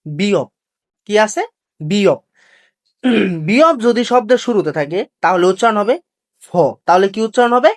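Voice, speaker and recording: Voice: medium pitch, expressive. Patient teacher drilling each point. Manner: repeats each point as a question, then answers it; slow, patient, drilling explanation. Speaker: Korean language teacher. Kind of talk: online language lesson.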